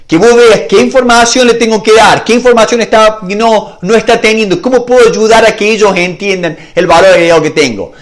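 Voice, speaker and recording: A man with a Rioplatense Spanish accent, a negotiation coach talking casually to viewers and acting out bits of dialogue. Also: high-pitched. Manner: chatty, acts out quoted dialogue. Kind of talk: casual video talk to viewers.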